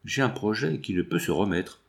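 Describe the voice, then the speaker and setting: A man's voice: lowish voice, lively intonation, normal speed, gravelly. A man reading aloud and voicing a willful, impetuous eighteen-year-old girl who pleads insistently.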